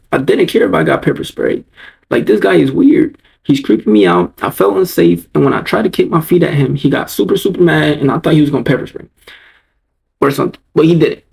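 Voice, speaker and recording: A man's voice: fairly high pitch, gravelly, darkish tone, rough recording. A man telling a personal story in a casual, laid-back storytime vlog, loose and swearing freely.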